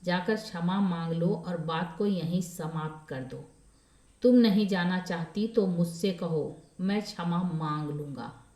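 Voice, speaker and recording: A woman voicing a calm grown man who reasons steadily with his wife, in a storybook reading. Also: on the low side, a little slow, roomy sound, natural voice. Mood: earnest.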